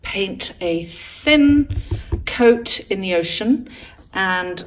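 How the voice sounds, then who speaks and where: Woman, art vlogger, unhurried delivery, chatty and thinking aloud, faint background noise. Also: mid-range voice, animated, low-quality recording. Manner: chatty, thinking aloud while working, slow-paced. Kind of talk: casual step-by-step craft narration.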